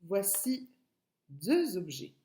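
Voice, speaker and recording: A woman schoolteacher giving a recorded lesson to young pupils, patient and clear, repeating words and sounding out syllables. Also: medium pitch, big pitch swings, very slow, mellow. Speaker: primary school teacher. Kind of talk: remote classroom lesson video.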